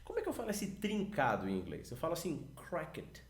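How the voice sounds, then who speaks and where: A Brazilian man teaches aviation English to the camera. His voice sits a bit high and swings up and down as he coaches. He is recorded in a room with a noticeable echo. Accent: Brazilian Portuguese. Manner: lively, coaching, models English radio phrases slowly. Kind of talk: explanatory lesson, talking to camera.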